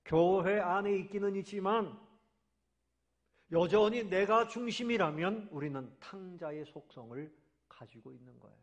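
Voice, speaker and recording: A man preaching a sermon as pastor, swinging between loud emphatic swells and soft low drops, sometimes acting out voices in his story. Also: measured pace, muffled recording. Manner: acts out dialogue voices of the sons and father.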